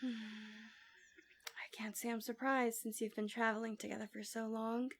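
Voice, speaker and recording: In an intimate ASMR roleplay, a woman plays a tender yet manipulative villainess, her slightly high voice gentle, breathy and often dropping to a whisper. Unhurried and with little pitch movement, she coaxes and soothes like a possessive, seductive captor, with a soft, sympathetic mood and a faint hiss or hum in the audio.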